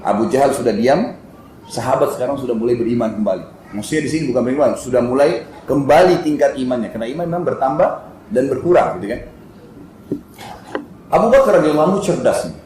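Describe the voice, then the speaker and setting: A man's voice: medium pitch, lively intonation, fast, a little mellow, slight background noise. Brief: male preacher, vivid sermon storyteller, echoey mosque. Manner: vivid storyteller who acts out quotes. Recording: echoey mosque hall with faint ambience.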